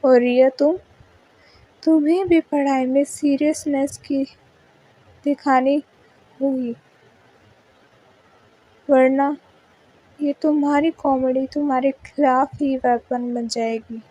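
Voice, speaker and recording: Woman voicing a strict young college woman, firm, lecturing, slow. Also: high voice, fairly even intonation, dark tone, poor audio. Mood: stern.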